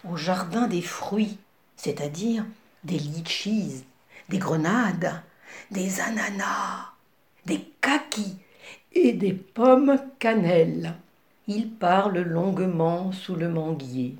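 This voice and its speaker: Woman presenter reading a picture book aloud, slow and expressive, echoey room. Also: on the low side. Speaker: book reviewer and reader. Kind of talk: storybook reading and review.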